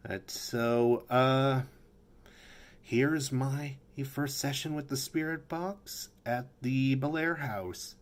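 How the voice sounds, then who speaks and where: A man casually explaining something to viewers as a vlogger, slowly and haltingly, searching for his words. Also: medium pitch. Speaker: vlogger introducing a paranormal video.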